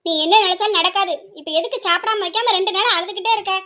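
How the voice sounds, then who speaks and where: A woman voicing a stern, scheming middle-aged aunt with a sharp, scolding way of talking. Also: very high voice, steady tone, racing. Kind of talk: hobby audio drama.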